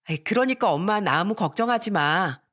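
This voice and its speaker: A woman's voice: medium pitch, lively intonation, brisk, a bit bright. A woman voicing a scheming young daughter-in-law who mocks her mother-in-law and then begs for forgiveness. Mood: smug. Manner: smug on the phone, tearful pleading to her mother-in-law.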